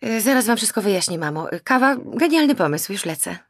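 A woman's voice: medium pitch, very animated, a little fast, no echo, clean studio sound, voice pushed up. A woman voicing an agitated, exasperated young woman in an audiobook, pleading and raising her voice. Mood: awkward. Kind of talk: audiobook character voice.

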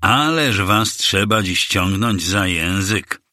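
Man voicing a gangster boss, mocking, menacing, forceful, dry recording. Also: deep voice, lively intonation, slow, no room sound, exaggerated voice. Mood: taunting. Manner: sneering, mocking, bursts into shouting. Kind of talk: audiobook character voice.

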